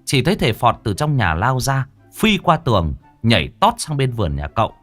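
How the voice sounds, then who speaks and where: A man narrating a comic folk tale in a lively, animated storytelling manner. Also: medium pitch, a little fast, soft background music.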